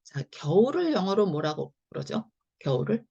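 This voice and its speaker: A woman's voice: fairly low pitch, sing-song, normal speed, gravelly, dark tone, breathy edge, highs cut off. A woman teaching English phonics in a chatty, step-by-step online lesson. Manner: chatty, repeats "자" and "네" often, explains step by step.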